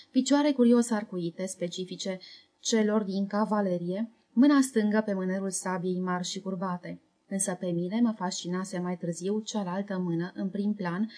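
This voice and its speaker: A woman narrating a memoir novel as an audiobook, in a calm, measured, reflective reading. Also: mid-range voice.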